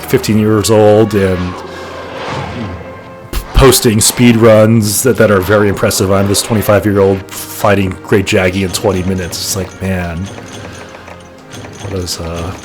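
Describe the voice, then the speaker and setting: Late 30s guy doing chill game commentary, kinda low voice, keeps restarting his sentences. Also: fairly even intonation, normal speed, music in the background. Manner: rambling, self-correcting, chatty. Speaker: gaming channel host. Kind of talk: casual gameplay commentary.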